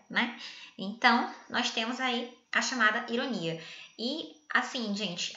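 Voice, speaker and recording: A woman's voice: mid-range voice, pushed and bright. A woman teacher explaining grammar in a chatty, playful way, often checking in with her listeners. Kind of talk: grammar lesson. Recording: echoey room, dull lo-fi sound.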